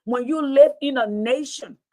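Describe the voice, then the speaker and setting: A woman with a Liberian accent, a teacher who used to host radio, gives an impassioned public talk, often repeating words for emphasis. Her voice sits high and mellow, and she speaks at a normal speed.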